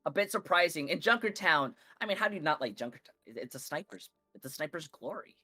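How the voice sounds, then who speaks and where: A man's voice: on the high side, expressive, quick pace, pushed and bright, slightly rough, no echo. A man casting a live video game match, rambling and playful with lots of fillers. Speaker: esports caster. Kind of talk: casual live game commentary.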